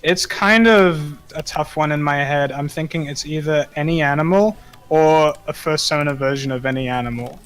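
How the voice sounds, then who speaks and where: A man's voice: a little high, moderate pace, a bit bright, clean tone, soft background music. A man streaming live, chatting loosely about his drawing ideas, with frequent chuckles. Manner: rambling and chuckling, often reading aloud. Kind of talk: casual chat on a live stream.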